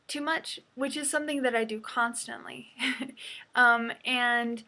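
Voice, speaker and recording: A young woman records a casual video diary at home, speaking slowly in a somewhat high voice. She hesitates often with ums and laughs at herself now and then, caught on a phone or webcam mic. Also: bright, forceful tone. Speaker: vlogger.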